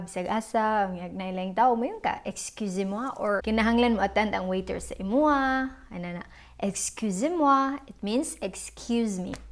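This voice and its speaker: A woman with a Filipino accent and Cebuano as her native language, casually teaching beginner French and repeating phrases clearly for learners to follow. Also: medium pitch.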